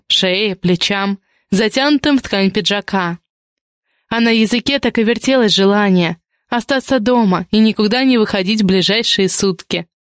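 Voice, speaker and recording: A woman narrates a romance audiobook in a calm, even storytelling voice. Her pitch sits in the middle range for a woman. The recording is dry and close to the mic. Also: no room sound. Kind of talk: scripted narration of a romance novel.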